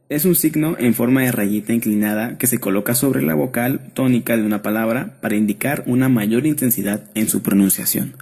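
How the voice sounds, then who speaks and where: Mexican man, steady reader, husky and dark, for a school lesson voice-over. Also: mid-range voice. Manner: steady, measured reading of rules and word lists. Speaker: student presenter. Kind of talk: read-aloud lesson narration.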